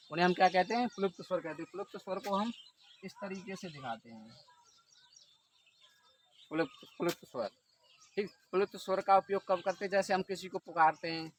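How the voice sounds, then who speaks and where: A man teaching an exam-prep lesson who asks questions and answers them himself, stretching words out to show calling someone. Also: sits high. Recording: outdoor noise with birdsong.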